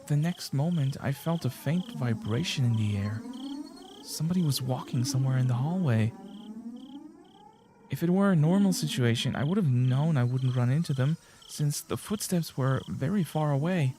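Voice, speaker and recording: A man's voice: medium pitch, lively intonation, normal speed, mellow, slight background noise, natural voice. A man reading the inner monologue of a panicking teenage girl sneaking through a school, in a tense, frantic voice. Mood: panicked. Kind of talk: reading a visual novel aloud.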